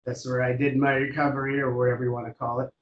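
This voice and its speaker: A man, a guest in a casual interview, telling his story in a relaxed, rambling way full of fillers. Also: mid-range voice, rapid-fire, dull audio. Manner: relaxed and rambling, with many fillers like "you know".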